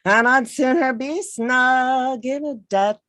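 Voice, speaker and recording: A woman's voice: high-pitched, slow, a bit bright, no echo. A woman singing an unaccompanied sea shanty over a video call, holding out long notes. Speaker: folk singer.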